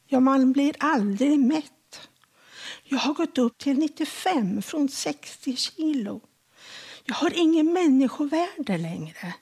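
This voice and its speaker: Gravelly, husky woman in her forties. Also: on the high side. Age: 40s. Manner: slow, hushed reading that often drops to a whisper. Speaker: radio contributor. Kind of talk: reading a personal first-person text.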